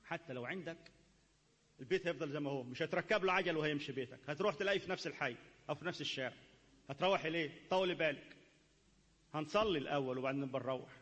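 A man with an Egyptian Arabic accent, a pastor preaching and leading prayer, fervent and repetitive, moving between hushed pleading and loud calls. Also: a little high, rapid-fire, husky, big-room sound. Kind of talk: sermon and led prayer.

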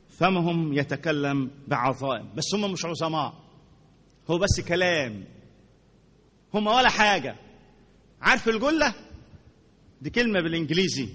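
A man with an Egyptian accent preaches a sermon. His voice is high and bright, and he stays animated, repeating words for emphasis and putting questions to his listeners. A long reverb from the hall hangs on his words. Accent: Egyptian Arabic.

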